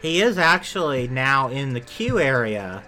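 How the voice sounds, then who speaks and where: A man's voice: medium pitch, big pitch swings, a little slow, bright, forceful tone, faint music behind. A man co-hosting a podcast, chatting casually and rambling, often correcting himself mid-sentence. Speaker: podcast co-host. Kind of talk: casual chat about theme park attractions.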